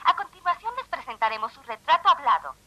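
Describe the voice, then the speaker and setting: A woman voicing a brisk TV news announcer in a cartoon dub, delivering a bulletin. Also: high-pitched, huge pitch swings, pushed and bright, heavily acted. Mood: announcing.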